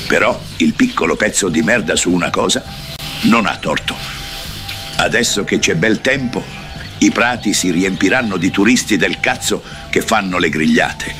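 A man's voice: low voice, expressive, moderate pace, music in the background. A man voicing a grumpy, foul-mouthed old mountain grandfather in a parody cartoon dub. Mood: scheming. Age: older. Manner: grumpy, vulgar, threatening.

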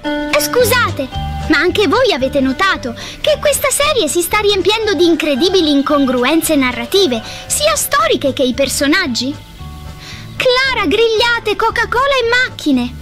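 A woman's voice: extremely high pitch, big pitch swings, a little slow, music in the background, exaggerated voice. A woman voicing a bossy, foul-mouthed little mountain girl in a parody cartoon dub. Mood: questioning. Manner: bossy, exasperated, vulgar.

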